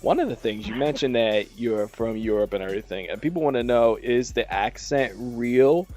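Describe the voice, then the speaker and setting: A man's voice: medium pitch, moderate pace, a little mellow, soft background music. A man hosting a radio show, interviewing a guest in a casual, laid-back way with loose, rambling questions. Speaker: radio host.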